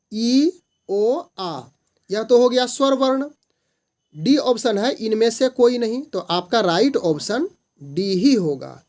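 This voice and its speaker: Slow, patient grammar tutor. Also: medium pitch, a little mellow. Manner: slowly sounds out single letters and syllables; patient, repeats definitions step by step. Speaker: online tutor. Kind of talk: explaining multiple-choice grammar questions.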